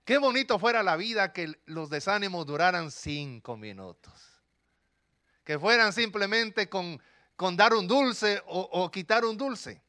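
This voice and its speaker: High, bright-voiced preacher man. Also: measured pace. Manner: animated storytelling with rhetorical questions. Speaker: pastor. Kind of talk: sermon.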